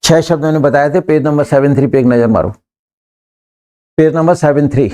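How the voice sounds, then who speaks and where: A man's voice: on the high side, normal speed, dark tone. A man teaching in a classroom, drilling his students on sentences and coaxing them to answer and repeat. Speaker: English teacher.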